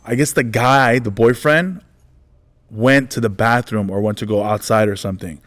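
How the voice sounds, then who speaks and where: A man's voice: medium pitch, moderate pace, a bit bright. Rambling comedian man telling stories. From United States. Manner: rambling, many restarts and "like" fillers, acts out quoted voices. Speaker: stand-up comedian, guest. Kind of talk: casual interview storytelling.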